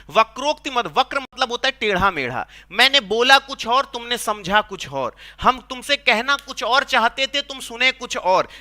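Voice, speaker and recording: A man's voice: very high voice, pushed and bright. A man teaching a Hindi exam-prep lesson in a chatty way, acting out quoted lines and often asking the class to agree. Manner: chatty, scolding asides, acts out quoted lines.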